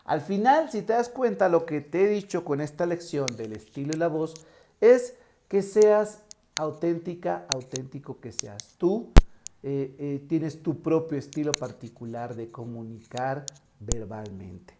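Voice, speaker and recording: A Mexican man with a tenor voice teaching an online lesson, acting out pitch examples as he goes. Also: measured pace, noisy background. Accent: Mexican Spanish. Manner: demonstrative, shifts pitch to show examples. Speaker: teacher trainer.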